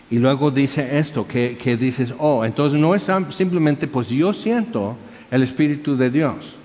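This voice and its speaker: A man preaches in an easy, conversational way and keeps firing rhetorical questions at his listeners. His voice sits at an ordinary pitch. The recording sounds muffled and a little lo-fi, with a long reverb trailing off the room. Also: a little mellow. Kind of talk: sermon.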